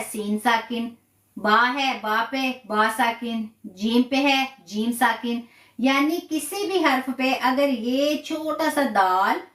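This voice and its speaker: Slow talking lady teaching quran reading, repeats everything, roomy echo. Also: a little high, fairly bright tone. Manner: patient, repeats terms and asks herself questions. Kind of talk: slow step-by-step tajweed lesson. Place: live stream from a room.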